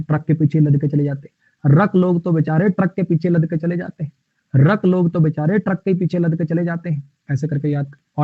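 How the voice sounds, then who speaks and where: A man's voice: on the high side, no echo. Playful man teaching English vocabulary online. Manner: playful, explains with mnemonics; reads English examples slowly. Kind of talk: online class lecture. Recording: tinny, phone-like line.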